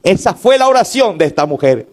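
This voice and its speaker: A man's voice: high-pitched, sing-song, a little fast. A male pastor preaching a sermon, retelling a story, acting out the people in it and putting questions to the congregation.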